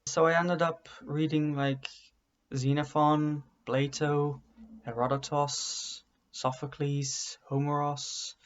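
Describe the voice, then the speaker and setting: In dull, muffled lo-fi audio from a desk webcam, a young Belgian man with Dutch as his first language introduces himself casually on camera. He's a wry vlogger with a slightly high voice and dry, self-deprecating humor, recording indoors in a bedroom study lined with bookshelves.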